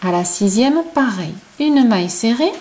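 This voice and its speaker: A woman with a non-native French accent, teaching crochet step by step and counting stitches aloud in a chatty, soft-spoken way. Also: fairly high pitch, animated, moderate pace, poor audio. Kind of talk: slow step-by-step tutorial.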